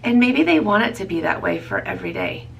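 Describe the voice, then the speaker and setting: A woman's voice: medium pitch, huge pitch swings, fairly quick, creaky, recorded from a distance, dull audio, a little hiss or hum. A woman in her thirties chatting casually as a beauty vlogger, rambling and correcting herself with small laughs. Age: 30s. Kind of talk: casual product review chat.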